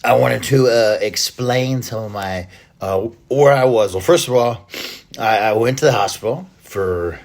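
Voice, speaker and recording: A fitness content creator with a mid-range, darkish voice gives his followers a casual vlog update while still short of breath after a recent illness. His delivery halts and rambles, full of fillers and restarted sentences.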